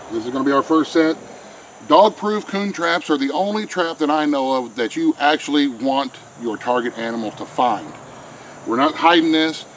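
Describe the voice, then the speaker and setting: Standing by a pen and a wooded creek, a middle-aged man walks through setting a trap step by step in a plain, homespun way. He speaks at medium pitch, and the audio from a nearby handheld camera mic is poor, with slight background noise and faint insects and crickets outdoors.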